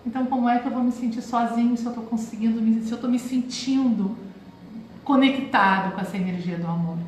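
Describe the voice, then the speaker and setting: A woman's voice: fairly high pitch, steady tone, a little fast, darkish tone. A Brazilian woman in her forties, hosting a reflective spiritual talk and often calling her listeners "gente". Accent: Brazilian Portuguese. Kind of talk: live-streamed motivational talk. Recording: very echoey room, faint hiss.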